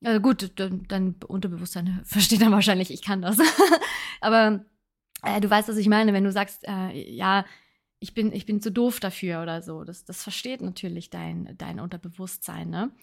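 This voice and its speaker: A woman's voice: medium pitch, fairly even intonation, normal speed, gravelly. A woman talking casually on her self-help podcast, thinking aloud and giving earnest advice. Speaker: podcast host.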